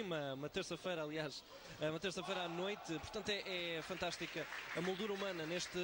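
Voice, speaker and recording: A man with a European Portuguese accent doing live play-by-play futsal commentary, with an excitable delivery. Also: on the high side. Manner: shouts excitedly on big plays. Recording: loud sports hall noise behind. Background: sports hall ambience, bouncing ball.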